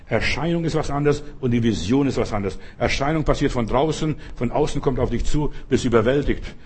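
Husky-voiced preacher. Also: male voice, medium pitch, darkish tone. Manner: emphatic, repeats phrases, addresses listener as du. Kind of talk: sermon.

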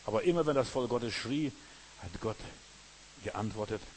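A man's voice: on the low side, expressive, moderate pace, slight background noise, poor audio. A man preaching a sermon with passion, quoting scripture by book and verse and speaking straight to his listeners. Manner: impassioned, quotes scripture with book and verse, addresses listeners directly.

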